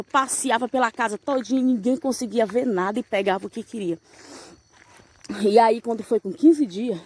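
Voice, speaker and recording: A woman's voice: a little high, darkish tone, no echo. A young woman giving a fervent evangelical testimony, telling her story and calling the listener "brother". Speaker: church member giving a testimony.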